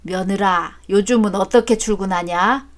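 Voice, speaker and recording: A woman voicing a grumpy older father-in-law who scolds loudly, in a storybook drama. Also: mid-range voice, unhurried, lightly acted. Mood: coaxing. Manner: loud and scolding.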